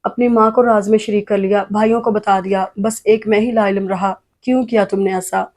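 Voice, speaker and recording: A woman doing a scolding middle-aged dad, even and mellow, reproachful. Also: medium pitch, normal speed, natural voice. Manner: reproachful, then softening. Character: stern middle-aged father, hurt and scolding.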